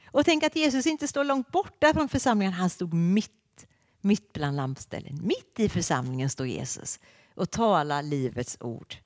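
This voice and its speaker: A woman's voice: on the low side, lively intonation, darkish tone. A woman preaching a sermon to a congregation in a church, speaking expressively with frequent hesitations.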